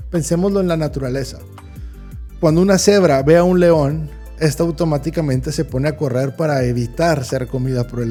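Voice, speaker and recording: A man, talking fast and animatedly as host of a psychology talk, full of vivid examples. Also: on the high side, warm tone.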